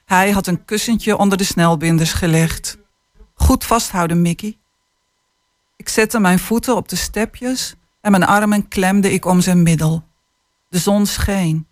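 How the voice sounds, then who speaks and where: Woman author, mid-pitched, careful and hesitant, reading aloud, dry studio mic. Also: fairly even intonation, no echo. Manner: measured, hesitant with fillers. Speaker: author and guest. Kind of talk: radio interview, reading from her book. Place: radio studio. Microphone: studio microphone.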